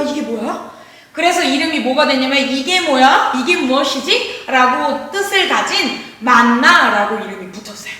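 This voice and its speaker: Bright high-voiced woman telling a children's sermon. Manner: animated, acts out quoted voices, laughing asides. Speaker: children's worship teacher. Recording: echoey room from a distance.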